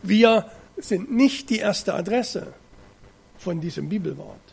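High-voiced gravelly preacher from eastern Germany. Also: male voice, animated, darkish tone. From Ore Mountains, eastern Germany. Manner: measured, solemn scripture reading with slow emphatic stresses. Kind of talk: sermon.

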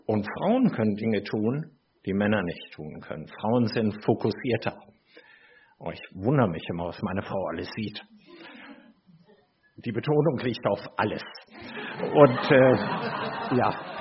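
A middle-aged man preaching a sermon in a slow, reflective way, with chatty asides to his listeners. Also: lowish voice, sing-song. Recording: dull lo-fi recording.

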